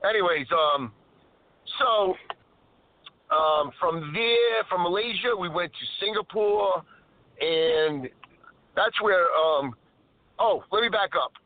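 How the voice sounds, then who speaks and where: A man's voice: high-pitched, takes it slowly, pauses often, dry recording. A man telling stories as a caller on a live show, calling in over his car speakerphone while he drives, often stopping to correct himself mid-sentence. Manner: rambling storyteller who keeps interrupting himself. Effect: car speakerphone call while driving. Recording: tinny dry phone line.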